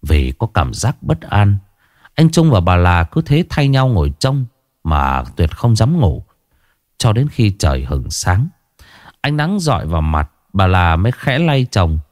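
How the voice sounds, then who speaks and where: Male storyteller, ghost story narration, lively dramatic voice, low pitch. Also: unhurried, no echo, studio quality.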